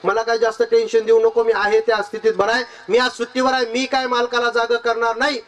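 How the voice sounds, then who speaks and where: A man's voice: very high-pitched, level tone, fast, a bit bright. A man doing a lazy sulky dog. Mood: dismissive. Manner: dismissive, sulky. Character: lazy stubborn male dog, sulky and mocking.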